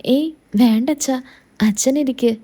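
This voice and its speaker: A woman's voice: sits high, measured pace, mellow. A woman voicing a caring, affectionate young daughter-in-law who talks in a coaxing, reassuring way. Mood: chatty.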